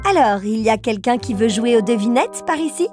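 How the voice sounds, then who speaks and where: With faint music behind her, a woman briskly narrates a cartoon for toddlers in a fairly high, animated voice of darkish tone. She patiently reads out riddles from a gentle script and speaks directly to young children, cheering them on to guess.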